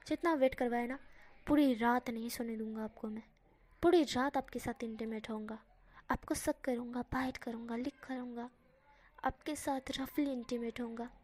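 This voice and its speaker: A woman voicing a teasing, possessive young man who speaks in a rough tone. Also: sits high, normal speed, lightly acted.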